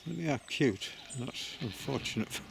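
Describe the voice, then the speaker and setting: Gravelly and medium-pitched, with lively intonation and a normal pace, this vlogger narrates casually as he walks an outdoor bird and animal centre. Background noise is present, and he muses aloud, interrupting himself mid-thought while filming.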